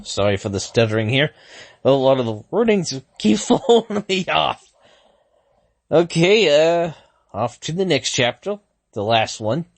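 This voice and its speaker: A man's voice: on the high side, sing-song, measured pace, no room sound. A man reading fan fiction aloud, stumbling over words, correcting himself and stopping to react to the text. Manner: stumbling, frequent self-corrections and restarts. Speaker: fanfiction reader.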